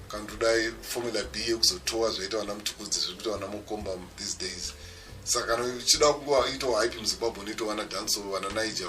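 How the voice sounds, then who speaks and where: A Zimbabwean music producer gives a seminar as a WhatsApp voice-note lecture recorded on a phone held far off. His voice is low yet bright and forceful. He explains things while switching between English and Shona mid-sentence.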